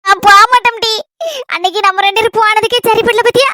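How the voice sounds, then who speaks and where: Shrill, fast-talking Kanyakumari Tamil woman. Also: steady tone, sharp tone, no echo. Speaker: comedy sketch performer. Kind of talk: village family comedy skit.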